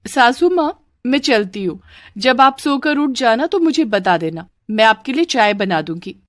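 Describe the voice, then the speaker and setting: A woman voicing a cheeky, teasing young daughter-in-law in a cartoon, in a higher voice. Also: animated, unhurried, no room sound, studio quality. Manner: cheeky, teasing back-talk.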